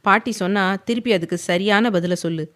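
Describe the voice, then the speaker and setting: A woman's voice: mid-range voice, brisk, fairly bright tone, close to an everyday voice. A woman voicing a stern, teasing, possessive young husband in an audio novel, reading his lines firmly. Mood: firm, tender.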